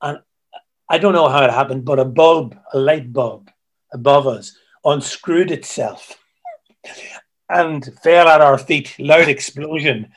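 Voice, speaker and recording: Halting man telling stories. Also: on the high side. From Ireland. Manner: halting, repeats words, storytelling. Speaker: guest musician. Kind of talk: casual interview chat. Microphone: video call.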